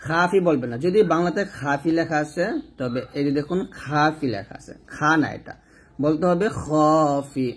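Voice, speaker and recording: Man, teacher, slightly high voice, explains letter by letter, chants verses slowly with long vowels. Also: slightly rough. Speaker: Quran recitation teacher. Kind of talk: recitation lesson.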